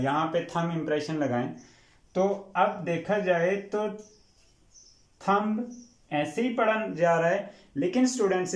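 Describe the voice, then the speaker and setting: A man with a Pakistani accent, a native Urdu speaker, teaching English pronunciation and repeating each word several times for his students. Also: fairly high pitch. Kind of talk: classroom-style pronunciation lesson. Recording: echoey room.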